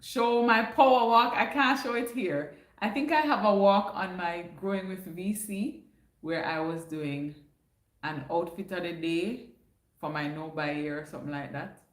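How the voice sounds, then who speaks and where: A woman with a lowish voice speaks a little slowly as she hosts a casual livestream, taking viewers' questions in a Jamaican accent with some patois mixed in. The recording has a roomy echo.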